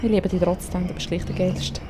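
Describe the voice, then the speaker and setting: A woman's voice: on the low side, flat delivery, a little fast, background noise. A woman with a Swiss German accent commentating a video game, chatty and swearing at the character on screen. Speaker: gaming streamer. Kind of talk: let's play commentary.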